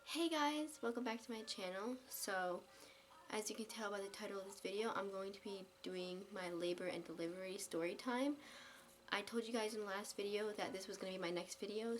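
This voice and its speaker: A young woman vlogger telling a casual story at home late at night, talking softly and quietly, with many ums and likes. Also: medium pitch. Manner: soft hushed talk, many fillers and restarts. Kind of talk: casual story-time vlog.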